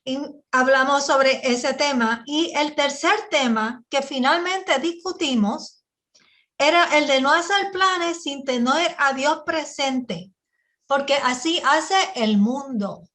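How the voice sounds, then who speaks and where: A woman's voice: sits high, slow, a bit bright. A woman teaching a Bible study sermon, often asking her listeners "right?" as she explains. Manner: teaching with frequent rhetorical "¿verdad?" and restarts.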